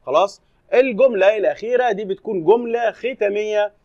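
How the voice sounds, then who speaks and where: A man with an Egyptian Arabic accent, teaching a lesson and reading English slowly before explaining it in Arabic. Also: high-pitched, darkish tone, no room sound, lo-fi sound. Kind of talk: recorded classroom lesson explanation.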